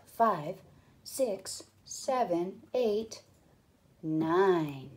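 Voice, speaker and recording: A young woman teacher leads small children through a counting book, drawing out each number very slowly. Her pitch is a little low at rest but swings widely, leaping up in excitement and dropping to playful whispers. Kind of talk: counting read-aloud lesson.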